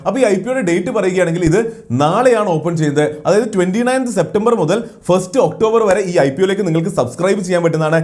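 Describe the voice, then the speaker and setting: Fast-talking man, finance host. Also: high-pitched, a little mellow. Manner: brisk, mixes English terms into Malayalam. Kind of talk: IPO review explainer.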